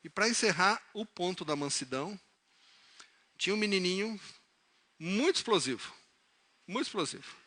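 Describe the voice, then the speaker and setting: Animated pastor, bright high voice. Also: male voice, normal speed, long pauses. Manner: swings from loud emphatic exhortation to soft low storytelling, acting out characters. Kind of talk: sermon with illustrative stories. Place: church service, live-streamed.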